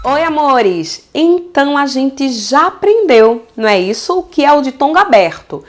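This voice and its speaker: Brazilian woman, grammar teacher, high voice, bouncy animated pitch, casual video lesson. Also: over music. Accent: Brazilian Portuguese. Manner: lively and affectionate, checks in with frequent "tá certo?"; stretches out example words slowly.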